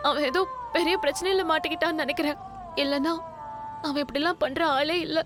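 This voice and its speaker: A woman playing a soft, high-voiced young bride. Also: fairly even intonation, fast talker, over music, natural voice. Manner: soft-spoken and pleading. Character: young bride searching for her missing groom.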